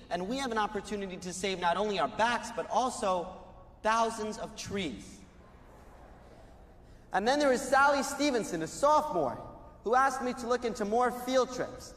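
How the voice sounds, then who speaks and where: An actor playing a stiff, formal young male student candidate who speaks earnestly and precisely in a film. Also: high-pitched. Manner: formal, earnest, precise, builds to shouting in speech. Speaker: student candidate for school board. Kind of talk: film dialogue, campaign speech and debate prep. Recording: reverberant hall, faint noise.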